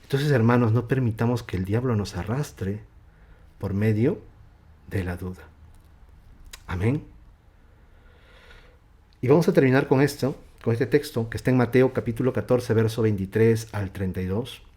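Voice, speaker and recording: Male pastor, passionate sermon, mid-pitched voice, rises loud then sinks to a hush. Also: moderate pace, long pauses. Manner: fervent preaching, swinging from loud emphatic reading to hushed low endings. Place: church.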